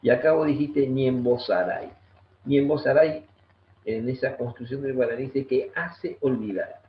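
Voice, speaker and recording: A man's voice: mid-range voice, steady tone, unhurried. A man with an Argentine accent, a guest teacher patiently explaining things in an online talk and repeating key words rhythmically. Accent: Argentine Spanish. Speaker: guest teacher of Guaraní language and culture. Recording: echoey muffled room with faint noise.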